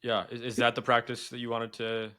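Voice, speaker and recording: A man hosting a podcast who asks quick, halting clarifying questions full of restarts. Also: mid-range voice, monotone, sharp tone. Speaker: podcast host. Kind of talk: casual interview questions.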